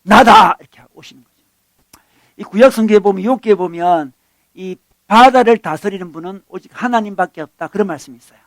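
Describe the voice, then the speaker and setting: A pastor delivering a sermon, preaching emphatically and swinging between loud bursts and quiet asides. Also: male voice, high-pitched, fairly quick, dry recording.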